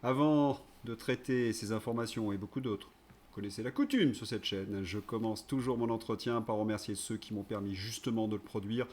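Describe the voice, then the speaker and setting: A man's voice: lowish voice, normal speed, darkish tone. A man hosting his own political commentary channel, delivering an indignant, sarcastic monologue.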